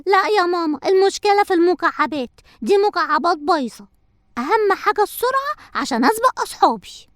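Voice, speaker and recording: An impatient little cartoon girl, voiced by a woman with an Egyptian accent and a very high, childlike voice. She whines and complains quickly. The sound is dry and close to the mic. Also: lively intonation, a bit bright, no room sound. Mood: whiny. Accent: Egyptian Arabic. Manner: whiny, impatient. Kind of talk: cartoon voice acting.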